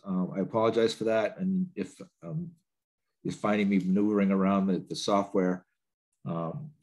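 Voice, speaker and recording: A man presents a webinar training session from his home office via laptop video call, a bit congested from a cold. He rambles in loose sentences with many fillers and restarts, in a low-pitched, darkish voice at normal speed with little pitch movement.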